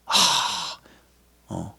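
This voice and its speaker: A man preaching a sermon in a lively, conversational way, acting out voices as he goes. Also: very slow. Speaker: pastor.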